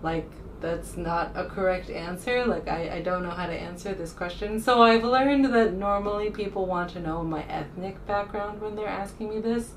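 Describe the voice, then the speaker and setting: Speaking to camera with hardly any pauses, this American woman has a medium-pitched voice and a moderate pace. Her vlog talk is casual and rambling, informal and hesitant, as if she's thinking out loud. Faint room noise comes through a distant mic.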